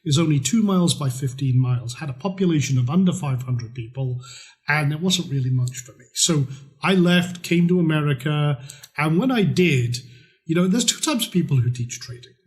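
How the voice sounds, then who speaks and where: Middle-aged man, raised voice, casual blunt pitchman for an online course. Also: expressive, moderate pace. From Scotland. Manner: chatty, blunt, with mild swearing. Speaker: trading course presenter. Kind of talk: conversational sales pitch.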